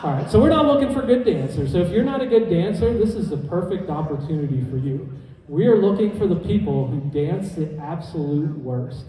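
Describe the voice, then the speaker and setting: Male stage hypnotist emcee, soft-edged tone, instructing and repeating himself, heard distantly in a reverberant hall. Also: fairly high pitch, expressive, a little fast. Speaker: comedy hypnotist and show host. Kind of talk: live stage show emceeing to an audience. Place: indoor conference hall stage. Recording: echoey hall PA, heard from far off.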